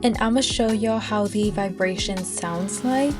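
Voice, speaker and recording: A woman's voice: medium pitch, unhurried. Chatty young woman over music. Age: 19, about to turn twenty. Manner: chatty, informal, friendly address to viewers. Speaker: nail tech video host. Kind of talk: casual tutorial voice-over and vlog chat. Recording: music behind the voice. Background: background music.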